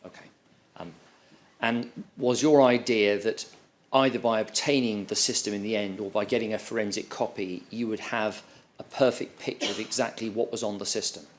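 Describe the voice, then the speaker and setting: Inquiry counsel, male, measured and polite, deliberate questioning. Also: on the low side, fairly even intonation, a little hiss or hum. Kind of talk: formal questioning.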